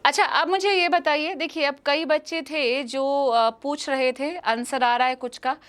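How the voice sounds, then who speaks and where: High-voiced Indian woman teaching English. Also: measured pace, a bit bright. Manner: repeats questions and answers, calls students "beta". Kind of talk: live online exam-prep lesson.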